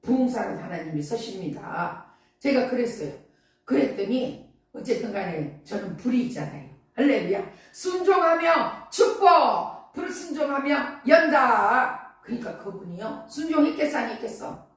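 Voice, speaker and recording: A woman's voice: mid-range voice, expressive, fairly quick, mellow. A middle-aged woman pastor preaching a revival sermon, emphatic and repetitive, often crying out hallelujah. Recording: echoey hall, voice from far off.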